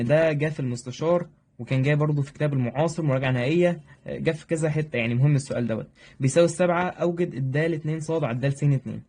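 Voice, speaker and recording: A young man with an Egyptian accent teaching a brisk, joking exam review lesson, talking straight to his students. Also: fairly high pitch, warm tone, slightly rough. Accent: Egyptian Arabic. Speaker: math teacher.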